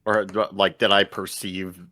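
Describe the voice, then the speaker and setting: A man playing in a tabletop game, chatting casually and excitedly. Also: sits low, normal speed, dry recording, studio quality. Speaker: player.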